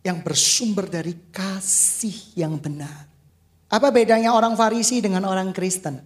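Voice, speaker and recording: A man preaching a lively sermon. His voice leaps from shouted emphasis down to hushed, almost whispered asides. He laughs often along the way. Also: high-pitched. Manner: animated, swings from loud shouting to quiet asides, laughing often. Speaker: worship leader and preacher.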